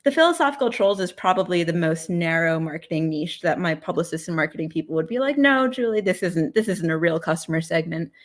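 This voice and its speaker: A woman's voice: fairly low pitch, fast, hardly any pauses. A woman author chatting casually in a livestream interview, rambling with lots of "like" and playful self-deprecating asides. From United States. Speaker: author guest.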